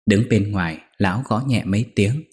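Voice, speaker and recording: A man reading a ghost story aloud in a steady, measured way. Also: lowish voice.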